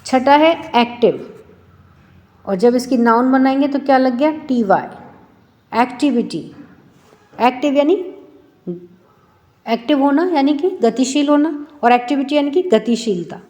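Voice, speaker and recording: A woman teacher talks students through a lesson at a very slow, careful pace. Her voice sits a little high. She keeps asking questions and then answering them herself, and her words ring out with a long reverb tail. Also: darkish tone. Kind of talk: explaining an English lesson for schoolchildren.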